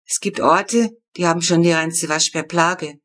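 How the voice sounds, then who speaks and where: A woman's voice: lowish voice, a little slow, a bit bright. A woman voicing a grumpy older male neighbor in an audiobook, ranting with self-satisfied bluster. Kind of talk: audiobook character reading.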